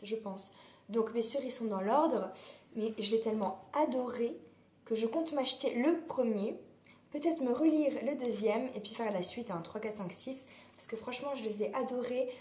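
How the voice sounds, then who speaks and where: A woman vlogger chatting casually while hoarse from a sore throat, rambling with many fillers. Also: on the high side, darkish tone, a little hiss or hum. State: sore throat, losing her voice. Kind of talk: casual chat. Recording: roomy echo.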